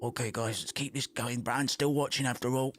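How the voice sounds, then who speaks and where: A man's voice: mid-range voice, steady tone, a little fast, slight background noise. A man streaming a game, giving casual, profane commentary between bits of voiced dialogue. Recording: faint music behind voice.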